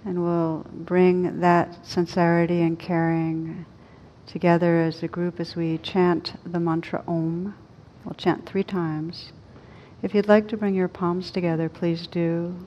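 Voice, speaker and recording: Over a rumble of background noise on a dull, lo-fi recording, a female meditation teacher softly directs a guided meditation. Her voice stays low and very steady, her instructions slow and soothing, with long gaps between phrases.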